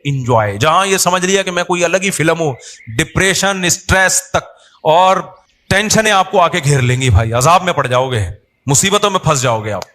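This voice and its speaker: Man, middle-aged, imam, sermon, conversational, humorous, a bit higher-pitched. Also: lively intonation, normal speed, a bit bright. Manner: conversational, humorous, acts out quoted people. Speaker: religious teacher, imam.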